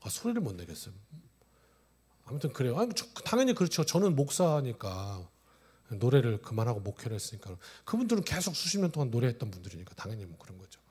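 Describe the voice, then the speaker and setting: A male pastor in his forties preaching a sermon, telling stories, swinging from loud exclamations to hushed asides. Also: mid-range voice, big pitch swings, quick pace, slightly rough. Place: church sanctuary.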